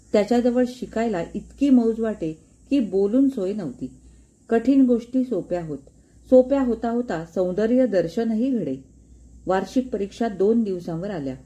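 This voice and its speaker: A woman narrating a story in a measured, expressive storytelling style. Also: medium pitch.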